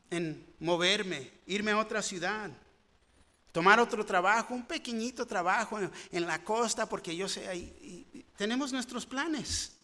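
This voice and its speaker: A man's voice: sits high, pushed and bright. A man preaching a sermon, earnest and rising into fervent pleading. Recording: long hall reverb.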